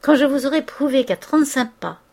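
A woman's voice: high voice, lively intonation, brisk, darkish tone, pitched above the performer's own voice. A woman reading an audiobook voices a sardonic man of forty, mocking, swaggering and coolly menacing.

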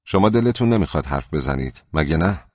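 A man's voice: very deep voice, animated, darkish tone, dry recording, dull audio. A male narrator voicing a chatty woman passenger on a plane who keeps talking without getting a reply. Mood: chatty insistent. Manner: insistent, talks on without a reply.

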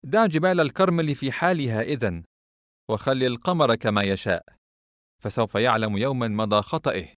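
A man's voice: medium pitch, expressive, no room sound, clean studio sound, natural voice. A man voicing a bold, mercenary young woman of the night who talks in a brash, teasing way in an audiobook reading. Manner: brash, teasing, quick-tongued.

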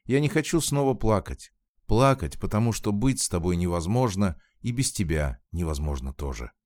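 A man voicing a tearful young woman who is torn and desperate, in a soft, pleading read. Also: sits low, expressive, moderate pace, no echo, studio quality. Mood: wistful.

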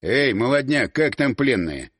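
A man voicing a gruff, stern middle-aged father figure in an audiobook. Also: medium pitch, big pitch swings, measured pace, fairly bright tone, no room sound, studio quality, pitched below the performer's own voice, full character voice.

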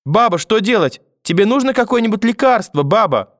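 A man's voice: sits high, lively intonation, fairly quick, dry recording, clean studio sound, pitched above the performer's own voice. A man voicing a frightened young boy who pleads in panic with his grandmother.

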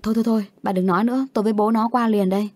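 A woman voicing a frantic village mother in an audio story, speaking in a hurried rush. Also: mid-range voice, fairly even intonation, darkish tone, dry recording, natural voice. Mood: panicked.

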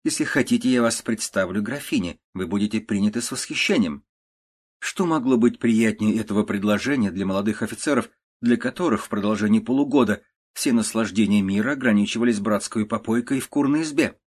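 A male narrator reads an old prose tale in a steady, measured audiobook style. His voice sits on the low side. He keeps an even storytelling pace. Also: breathy edge. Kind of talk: audiobook reading of classic prose.

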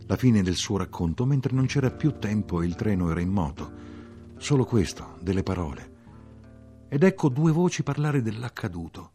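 A man reading a literary novel aloud as an audiobook narrator, measured and expressive. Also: fairly low pitch. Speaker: audiobook reader.

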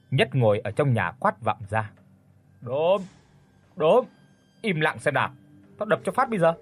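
Nam giọng đọc truyện ma, lên xuống giọng rất sinh động, kể đầy kịch tính, nhạc nền nhẹ. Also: male voice, mid-range voice. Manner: dramatic, expressive storytelling. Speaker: narrator. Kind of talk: audiobook horror narration.

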